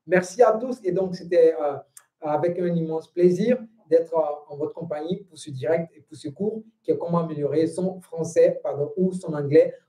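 A man teaching a language lesson on a live stream, earnest and halting, explaining step by step with many fillers and repeated words. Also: sits high, mellow, echoey room, poor audio. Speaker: French teacher.

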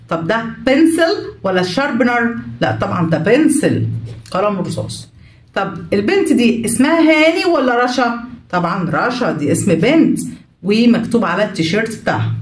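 A woman English teacher with an Egyptian Arabic accent, going through a children's workbook. She says the English words slowly, glosses each in Arabic, and asks questions she then answers herself. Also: on the high side, far from the mic. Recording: echoey room, voice a little off the mic.

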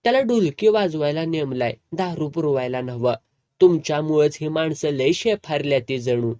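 A man's voice: fairly high pitch, animated, moderate pace, a little mellow, no room sound, close to an everyday voice. A man putting on a drunk, quarrelsome rustic. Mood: drunk, belligerent.

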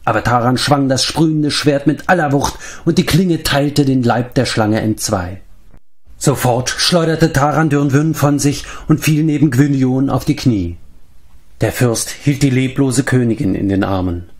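A man reading a fantasy novel aloud as an audiobook, in measured, steady storytelling. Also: medium pitch. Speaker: audiobook reader. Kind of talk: scripted narration of a fantasy novel.

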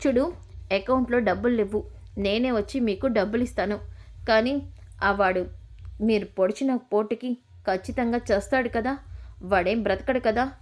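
Woman voicing ruthless young heiress, cold, defiant, fairly high voice. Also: moderate pace, pauses often, a little mellow, close to an everyday voice. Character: cold, ruthless young granddaughter plotting for inheritance.

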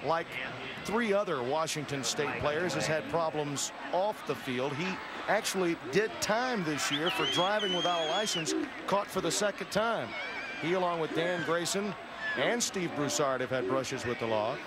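A man's voice: on the high side, normal speed. A man calling live American football as a play-by-play announcer. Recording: loud stadium crowd noise. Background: roaring stadium crowd.

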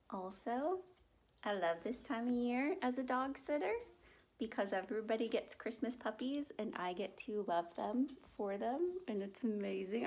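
A young woman chatting casually in a home vlog, filming herself at arm's length and talking to her pets. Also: medium pitch. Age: young adult. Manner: chatty, upbeat, talks to her animals. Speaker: vlogger and pet sitter. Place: home, indoors. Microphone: handheld camera at arm's length.

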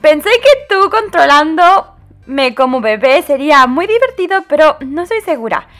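Woman game host, bright high voice, dramatic exclamations, casual commentary. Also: normal speed. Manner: animated, dramatic exclamations and giggles.

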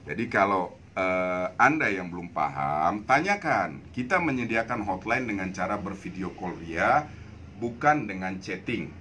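Older male seller, low-pitched and emphatic, live-stream pitch on a phone in a small store, faint background noise. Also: expressive, unhurried, bright, forceful tone. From Indonesia. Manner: emphatic, repeats phrases with tag "ya". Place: indoor jeans shop. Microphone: phone camera at arm's length.

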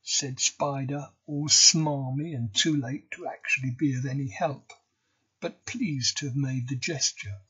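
A man reading a novel chapter aloud for English learners, slow and deliberate. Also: medium pitch, fairly even intonation, pushed and bright, breathy edge, lo-fi sound. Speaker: audiobook reader.

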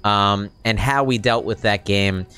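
A man's voice: lowish voice, a little slow, sharp tone. A man in his thirties giving casual gameplay tips and commentary into a close microphone as a streaming host. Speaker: game streamer and tutorial host. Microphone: close microphone on a boom arm. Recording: close mic with clear background noise.

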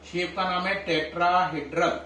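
A man's voice: high-pitched, normal speed, fairly bright tone, a little hiss or hum. A middle-aged man teaching chemistry to students, calling them children and quizzing them as he goes. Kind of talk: classroom lecture. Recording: echoey room, mic at a distance.

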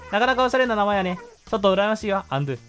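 A man's voice: sits high, expressive, very fast, a bit bright, faint music behind, pitched above the performer's own voice. A man voicing a proud, snooty female animal villager in a haughty drawl.

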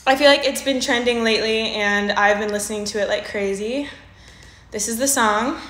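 A woman's voice: fairly high pitch, moderate pace, a bit bright. A woman teaching a live online dance class, out of breath as she counts out the steps. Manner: upbeat, counting steps aloud. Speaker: dance instructor. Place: indoor room, dancing live. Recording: echoey room.

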